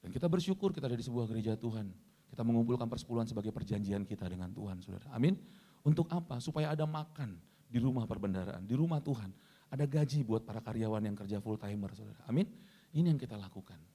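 A man preaching a sermon, addressing the congregation again and again and calling for amens, swinging between loud high emphasis and quiet low asides. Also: expressive, fast talker, slightly rough. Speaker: pastor.

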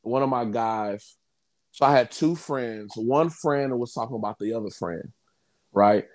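A man, chatting casually and halting often with fillers like "you know what I'm saying.". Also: medium pitch. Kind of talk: casual conversation.

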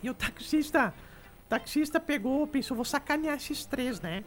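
A woman playing a sharp-tongued old lady, telling jokes and teasing her co-hosts on a radio comedy show. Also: high voice, animated, moderate pace. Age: older. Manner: teasing, bossy storytelling. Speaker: comic radio show regular.

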